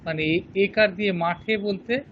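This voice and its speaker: A man's voice: high-pitched, normal speed, dull audio, slight background noise. A male student in an online class, asking a question hesitantly with many restarts.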